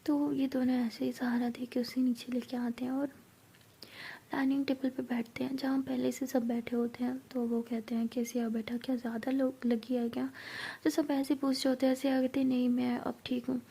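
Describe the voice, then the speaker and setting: A woman narrating a love story in a soft, casual, half-whispered storytelling manner. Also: high voice, level tone, moderate pace, vocal fry, husky.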